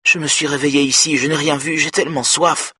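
A man's voice: fairly high pitch, fairly even intonation, fairly quick, sharp tone, husky, no echo, clean studio sound, pitched above the performer's own voice. A man voicing a frightened young boy trapped in a car trunk, pleading in a small, weak voice for an audiobook. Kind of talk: audiobook character voice.

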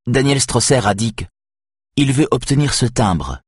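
A man reading an audiobook, voicing a gruff, touchy middle-aged violin maker who answers curtly. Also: fairly low pitch, lively intonation, normal speed, a little mellow, no room sound, clean studio sound, voice pushed up. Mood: curt, defensive. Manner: curt, defensive.

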